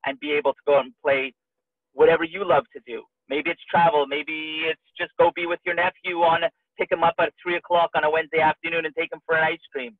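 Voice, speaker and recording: A man with a fairly high voice talks listeners through a cheerful, persuasive motivational pitch. His voice comes through dry and tinny, like a phone line. He keeps asking questions to pull his audience in. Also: flat delivery, brisk, no room sound. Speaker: webinar co-host. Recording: dry, tinny call audio.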